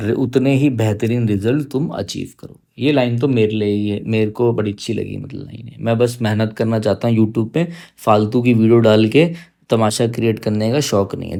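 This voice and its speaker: A male teacher giving an exam-prep grammar lesson, coaxing and teasing his students and drawing out English examples slowly. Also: medium pitch, creaky, warm tone.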